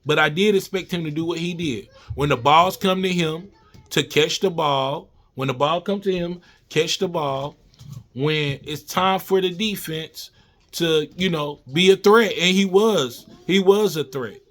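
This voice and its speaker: Man, slightly high voice, off-the-cuff sports vlog rant, animated and repetitive. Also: measured pace. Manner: animated, repeats himself, addresses viewers as y'all. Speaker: sports vlogger. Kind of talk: casual sports commentary monologue.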